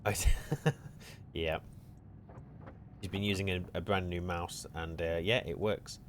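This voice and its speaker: A man's voice: deep voice, steady tone, noisy background. A man hosting a gaming channel, chatting dryly and teasing his wife while they play a game together. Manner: dry, teasing, unhurried. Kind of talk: casual co-op gameplay chat.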